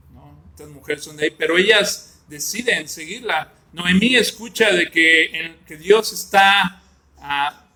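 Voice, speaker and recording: Bright-voiced man teaching a Bible class. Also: on the high side. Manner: conversational, asks the class questions and jokes with students.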